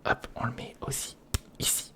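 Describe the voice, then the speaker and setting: This ASMR video host whispers at normal speed during a casual, improvised build-along. He mutters hesitantly to himself and talks with the viewer, his voice breathy and mostly voiceless.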